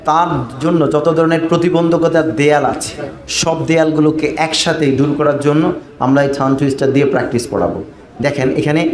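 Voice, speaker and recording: Man drilling pronunciation in an echoey hall. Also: fairly high pitch. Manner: drills words aloud and has the audience repeat them; emphatic, repeats key points. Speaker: English pronunciation trainer at a teachers' workshop. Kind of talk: workshop lecture. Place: workshop hall with an audience.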